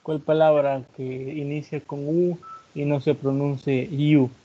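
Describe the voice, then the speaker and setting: A man's voice: on the high side, fairly even intonation, a little slow, dark tone. A man with a Salvadoran Spanish accent, a student asking hesitant, polite questions during an online class. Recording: dull, muffled online call audio.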